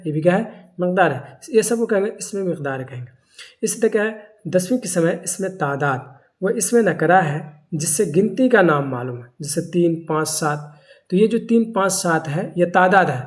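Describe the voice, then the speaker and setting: A grammar teacher, giving a lecture in which they keep asking rhetorical questions, answering them and repeating key terms slowly. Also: medium pitch. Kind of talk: classroom-style grammar lecture.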